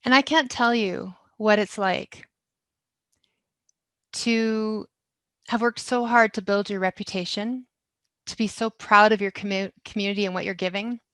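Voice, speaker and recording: A woman's voice: mid-range voice, steady tone, unhurried, long pauses, a bit bright, no echo, studio quality. A woman giving a candid, emotional talk that tells a hard personal story. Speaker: speaker.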